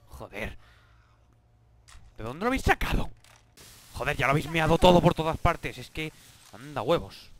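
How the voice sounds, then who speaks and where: A man's voice: on the high side, gravelly. Jokey male let's-player, sarcastic, bursts into panicked yelps; noisy home mic. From Spain. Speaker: gameplay commentator. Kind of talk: casual gameplay commentary.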